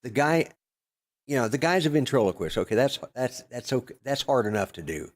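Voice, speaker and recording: An older man co-hosting a podcast, chatting casually in a gruff, rambling way with lots of fillers and restarts. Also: mid-range voice, expressive, fairly quick. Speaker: podcast co-host. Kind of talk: casual chat.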